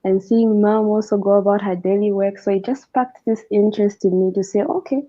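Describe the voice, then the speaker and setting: A woman from Zambia, a water engineer, speaking as a guest in a casual online interview, relaxed and friendly. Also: mid-range voice, a little fast. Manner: relaxed and friendly, with easy fillers. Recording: dull lo-fi video call audio.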